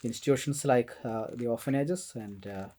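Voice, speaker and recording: Middle-aged indian guy from kerala, average pitch, talks slow with lots of uh and um. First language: Malayalam. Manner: soft-spoken, hesitant with many fillers, laughs often. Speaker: podcast guest, priest. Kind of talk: casual interview conversation.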